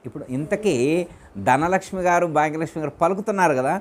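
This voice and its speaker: A man's voice: fairly high pitch, fast. A man as spiritual teacher giving a discourse in a private home, repeating his phrases and putting questions to his listeners.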